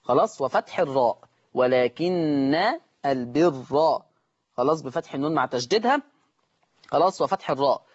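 A man with an Egyptian accent teaching Quran recitation on a call-in lesson, repeating each word slowly and stretching out the recited forms. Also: a little high, lively intonation, slightly rough, lo-fi sound. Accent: Egyptian Arabic.

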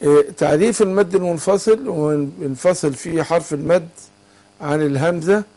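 An Egyptian man with a high voice teaches Quran recitation rules on a call-in lesson. He talks patiently and keeps prompting his student to complete each word. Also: fairly quick, warm tone. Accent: Egyptian Arabic. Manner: patient, asks students to fill in words.

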